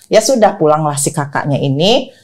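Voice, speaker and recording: A middle-aged woman telling her story in an interview, animated, acting out quoted dialogue. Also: deep voice, normal speed. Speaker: guest, wife of the accused.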